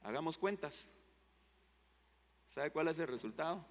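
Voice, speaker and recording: Man, pastor, fervent sermon, fairly high voice, long hall reverb. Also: expressive, a little slow. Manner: fervent preaching, swinging between loud exclamations and low drops. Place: church hall.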